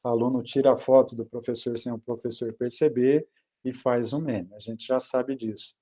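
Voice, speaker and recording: Mellow-voiced man giving an online lecture. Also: mid-range voice, fairly even intonation, normal speed. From Brazil. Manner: didactic, asks and answers his own questions; varies loudness, often drops to quiet asides. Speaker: lecturer on public speaking. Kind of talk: online talk by video call. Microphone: video call.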